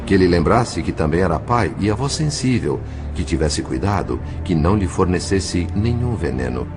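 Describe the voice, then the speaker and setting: Voicing a grave, compassionate narrator in an audio drama, a man with a Brazilian accent speaks in measured, literary phrasing. His voice sits low.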